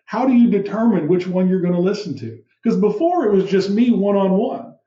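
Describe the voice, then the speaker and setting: A business founder appears as a podcast guest, explaining ideas in an interview with a big, commanding voice that sits high and moves fairly quickly, its tone mellow and dark. He is animated, throwing in rhetorical questions and vivid room analogies. The sound is muffled and echoey, like a roomy remote setup.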